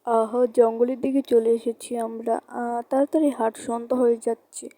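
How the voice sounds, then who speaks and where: A woman's voice: on the high side, flat delivery, moderate pace, dark tone, no echo, close to an everyday voice. A woman playing a nervous young woman who frightens easily, in an amateur horror audio drama. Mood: casual. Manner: fearful and pleading.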